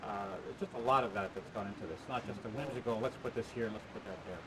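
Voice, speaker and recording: A man answering interview questions about the attraction he built, halting with many "uh" fillers and restarts, heard on a worn tape copy. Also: fairly low pitch, background noise. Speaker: attraction owner being interviewed.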